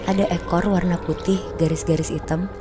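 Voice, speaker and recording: A woman's voice: lowish voice, fairly even intonation, normal speed, over music. A woman casually telling a horror story on a podcast, chatty and slangy, acting out sounds.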